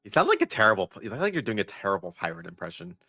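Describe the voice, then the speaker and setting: A young man commentating a live esports match, breaking down team plans in a steady, analytical way. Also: fairly low pitch, very fast, no room sound, studio quality, faint music behind. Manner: steady analytical play breakdown, teasing co-caster. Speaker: esports caster.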